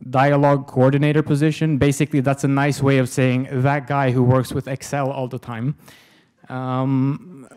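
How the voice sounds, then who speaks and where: Speaking from a conference hall podium before an audience, a thirtysomething Swede presents a lecture full of jokes at his own expense and frequent ums. His mid-range voice is a little mellow and smooth with a Swedish accent, captured by a podium mic and a far-off camera.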